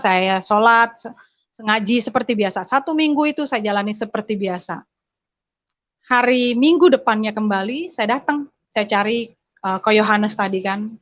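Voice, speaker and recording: A woman giving a personal conversion testimony, telling her story dramatically and speaking straight to her listeners. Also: mid-range voice. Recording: dry, slightly dull recording.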